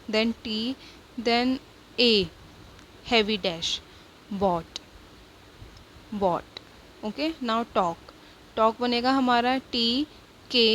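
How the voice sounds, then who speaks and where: A woman's voice: a little high, fairly bright tone, slight background noise. A woman teaching a shorthand lesson, talking patiently and repeating each word several times, mixing English words into Hindi.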